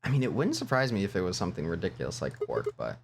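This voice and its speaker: Casual guy streaming a story game, giggly and expressive, reads dialogue aloud. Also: sits low, quick pace, husky. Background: faint game music.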